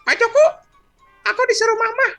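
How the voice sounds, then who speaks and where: A man's voice: fairly even intonation, brisk, pushed and bright, soft background music, heavily acted. A man voicing a sulky young boy who whines and protests in a children's story. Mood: flustered. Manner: whining, protesting, shrill.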